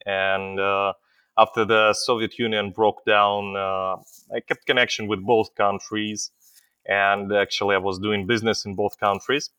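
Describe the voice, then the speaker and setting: A middle-aged man from Ukraine recounts his past as an interview guest, pausing often on fillers. His voice sits low yet sounds bright and crisply clear. The sound is dry, with almost no room echo. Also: flat delivery, muffled recording. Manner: hesitant, many fillers. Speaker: company CEO, guest. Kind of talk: interview storytelling.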